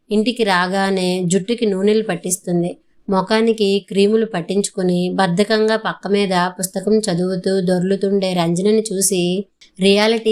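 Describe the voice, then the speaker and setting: A woman narrating a story in a steady, scripted audiobook reading. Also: mid-range voice.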